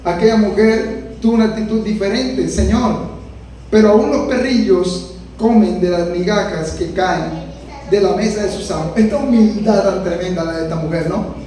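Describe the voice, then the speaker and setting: Male preacher, lively sermon delivery, heard from afar with faint hiss. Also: high voice, normal speed. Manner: preaching with dramatic quoted voices and sudden shouts. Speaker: pastor. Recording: echoey room, distant mic, faint noise.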